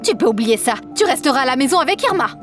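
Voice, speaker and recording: A woman voicing a stern, scolding mother in an animated story, with a reproachful manner. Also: high-pitched, racing, soft background music. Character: stern scolding mother, favors younger daughter.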